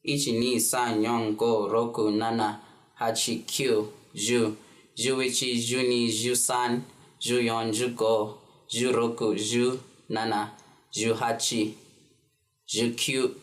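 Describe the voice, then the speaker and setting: With a roomy echo around him, a twenty-something man from South Africa gives a relaxed beginner language lesson, often filling gaps with ums. His mid-range voice is flat and slow.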